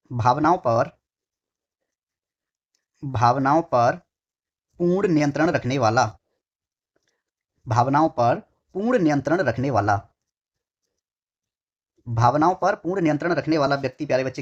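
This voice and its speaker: A male exam tutor giving a lesson. He asks questions and answers them himself, repeats phrases several times, and keeps addressing his students affectionately. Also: a little high. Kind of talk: online exam-prep lesson. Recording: dull lo-fi recording.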